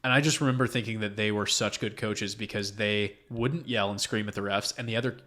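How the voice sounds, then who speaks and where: A young man with a slightly low voice hosts a casual podcast chat. He tells animated stories and acts out what other people said. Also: brisk. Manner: animated storyteller, acts out quotes. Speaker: podcast host.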